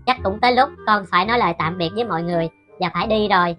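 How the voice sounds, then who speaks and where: A woman's voice: mid-range voice, racing, a bit bright, faint music behind, lightly acted. A woman voicing the ghost of a wronged teenage twin girl, speaking in a tearful, pleading way. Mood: calm, resigned. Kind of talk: web series drama acting.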